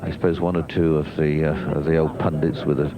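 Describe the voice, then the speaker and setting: A man's voice: rumbling low, level tone, a little fast, over a noisy crowd. A man giving live golf commentary, musing in colloquial turns of phrase as a golf commentator. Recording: noisy 1990s TV broadcast.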